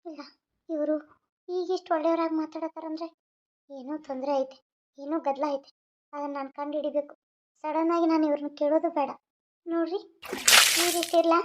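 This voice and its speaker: A woman's voice: very high-pitched, steady tone, normal speed, pauses often, a little mellow. A woman voicing an anxious but caring young newlywed queen in a cartoon, fretting to herself and coaxing her husband. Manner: frets in whispered-style asides, coaxing to her husband. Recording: dull lo-fi audio.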